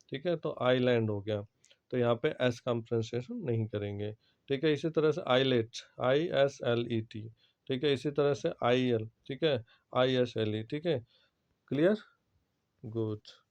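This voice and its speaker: A male teacher explains rules to his students step by step, checking understanding after nearly every phrase. His pitch sits in the middle range. The recording is a little dull and lo-fi. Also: unhurried, darkish tone. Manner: repeats "ठीक है" and "जो है ना" constantly, explains step by step. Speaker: English teacher. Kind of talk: classroom lesson to students.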